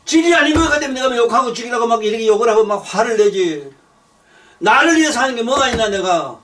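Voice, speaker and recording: A man's voice: very high-pitched, expressive, fast talker, fairly bright tone, far from the mic. An older man giving a blunt, rambling sermon, swearing and repeating himself. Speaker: preacher.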